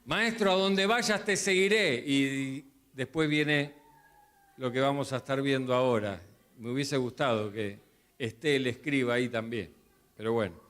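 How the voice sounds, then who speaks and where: A man's voice: medium pitch, a little slow, a bit bright. A man preaching a sermon, telling the story vividly and acting out the voices in it. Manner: storytelling, acting out the disciples' cries and Jesus' replies. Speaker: pastor.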